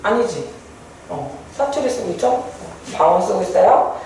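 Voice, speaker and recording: A woman's voice: medium pitch, distant mic, a little hiss or hum. A woman teaching a literature class, firing questions at her students and briefly acting out characters' lines. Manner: lively, asks students constant questions; acts out characters' lines in quick bursts. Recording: very echoey room from away from the mic.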